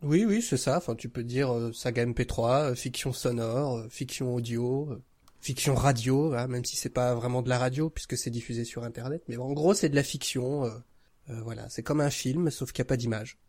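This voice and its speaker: A French man in his thirties, an audio fiction creator, chats informally as a podcast guest, telling his story with hesitations. His mid-range voice is a little mellow and comes at a moderate pace. There's no room sound.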